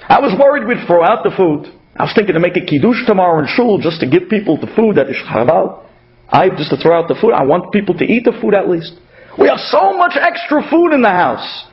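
A man with a Brooklyn accent voicing an excited, generous male neighbor in a sermon story, exclaiming effusively. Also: sits high, voice pushed up. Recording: dull, muffled lo-fi audio.

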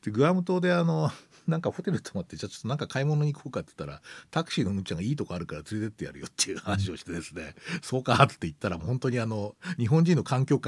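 A middle-aged man hosts a relaxed talk, speaking fast and breaking often into laughter. His voice rises and falls freely and has a husky edge, set in a dry, close sound. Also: lowish voice, dry recording. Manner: lively, laughs often, many fillers. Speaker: host. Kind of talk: casual conversational interview. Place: Tokyo.

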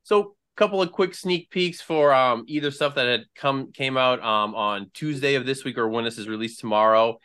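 A man with a bright, forceful voice, somewhat low-pitched, talking in a loose podcast chat. He rambles along, restarting and filling pauses as he goes through industry news. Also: clear, resonant tone. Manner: chatty and rambling, many fillers and restarts. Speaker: trade news guest.

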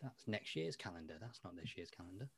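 A man's voice: low voice, big pitch swings, quick pace, gravelly, a crowd in the background. A man hosting a podcast, talking in a rambling, self-mocking way with lots of fillers. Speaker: podcast host. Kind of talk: casual chat.

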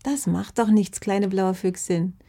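A woman's voice: mid-range voice, unhurried, gravelly. A woman voicing a caring mother fox in a children's audio story, reassuring and calling out goodbye. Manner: reassuring, bright farewell.

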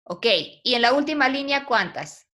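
A woman's voice: sits high, animated, normal speed, bright, forceful tone. A woman teaching a poetry class online, patiently quizzing her students. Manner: patient, asks the class questions.

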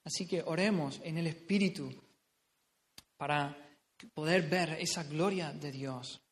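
A man's voice: on the high side, a little slow. A man from preaching a sermon, stressing his points, repeating phrases and asking the congregation questions. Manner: emphatic, repeats phrases, asks rhetorical questions. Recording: reverberant hall sound.

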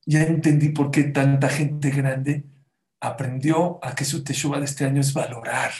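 A man's voice: mid-range voice, fairly even intonation, normal speed, darkish tone, roomy sound. A man giving an emotional religious talk, telling stories and urging his listeners to listen. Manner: fervent, pleading with listeners, acts out quoted voices. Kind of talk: emotional religious storytelling sermon.

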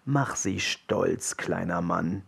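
A man voicing a carefree, scheming pirate captain who talks softly and offhandedly. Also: takes it slowly, gravelly, slightly rough, heavily acted. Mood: soft, coaxing. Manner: soft, low-key and offhand.

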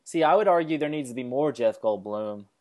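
A man's voice: medium pitch, animated, brisk, darkish tone. A man co-hosting a casual movie-review podcast, teasing and rambling with restarts. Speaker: podcast co-host.

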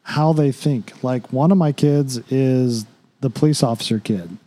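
Mellow-voiced man in casual faith talk. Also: mid-range voice, a little slow. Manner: conversational, many fillers and "you know".

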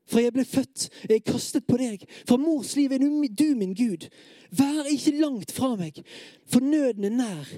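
Dark-voiced preacher reading scripture dramatically. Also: medium pitch, no echo, clean studio sound. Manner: reads scripture dramatically, at times loud and pleading; talks directly to the listeners, halting with fillers. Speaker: preacher at a worship gathering.

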